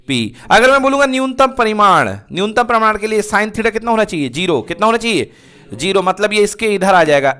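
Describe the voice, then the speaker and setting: High-voiced man drilling physics terms. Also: a bit bright. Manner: call-and-response, asks and answers his own questions; colloquial and repetitive, drilling key terms. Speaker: physics teacher. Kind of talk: fast revision lecture.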